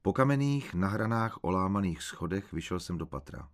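A man narrating a literary novel in the first person, calm, measured and subdued. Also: deep voice. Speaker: audiobook narrator.

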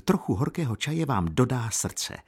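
A man voicing a proud, motherly Roman landlady in her forties, with a husky voice pushed higher. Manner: lively, coaxing, proud.

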